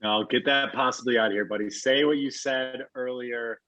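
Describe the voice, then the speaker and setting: A man's voice: mid-range voice, steady tone, normal speed, sharp tone, low-quality recording. A man guesting on a podcast, ranting in an exasperated, casual way, packed with "like" and "dude". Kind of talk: casual chat.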